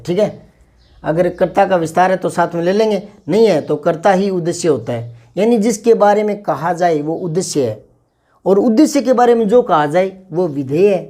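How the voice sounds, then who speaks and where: A man's voice: sits high, darkish tone. A man teaching a grammar lesson for exam prep, explaining step by step and often checking that students follow. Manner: explanatory, repeats "ठीक है ना" to check understanding.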